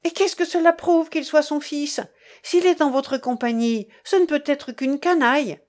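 A woman reading the part of a proud, indignant young woman, shrill with anger. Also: sing-song, moderate pace, a little mellow.

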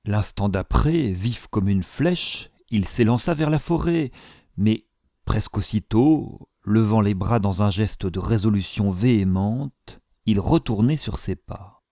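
A man reading a novel aloud as narrator, with measured, grave storytelling. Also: on the low side, animated, gravelly, warm tone, no echo, studio quality. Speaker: audiobook narrator.

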